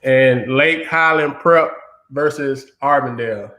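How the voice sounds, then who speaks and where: A man hosting a casual high school basketball podcast, talking through game picks with friends. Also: slow pace, pushed and bright. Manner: laid-back, picks games with friends. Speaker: podcast host. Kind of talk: casual sports chat.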